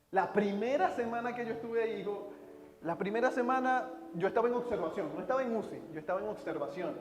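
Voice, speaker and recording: A man preaching a sermon, telling a personal story with emotional swings between soft, hushed lines and loud outbursts. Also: extremely high pitch. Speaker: pastor. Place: church hall. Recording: echoey church hall with music.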